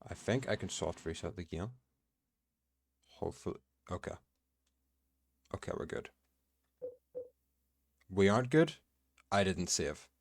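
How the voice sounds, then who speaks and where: A gamer commentates his own playthrough in a low, creaky, animated voice at a measured pace, pausing often. His casual commentary is sweary, sardonic, and exasperated, recorded dry with the video game's music and sounds playing behind him.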